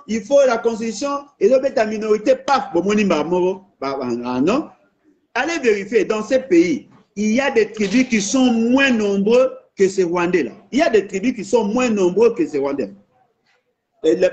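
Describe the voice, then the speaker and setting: A man speaks French with a Congolese accent, his voice sitting notably high. He argues insistently in a political monologue, hammering the same points again and again and slipping into Lingala phrases. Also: darkish tone. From Democratic Republic of the Congo.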